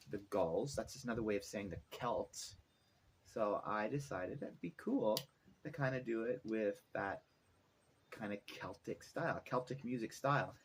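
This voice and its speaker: Middle-aged male vlogger, average pitch, casual and rambling, some ambient noise behind him. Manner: rambling, thinking aloud. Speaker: vlogger, musician. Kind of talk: casual chatty vlog. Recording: noticeable background noise, ambience.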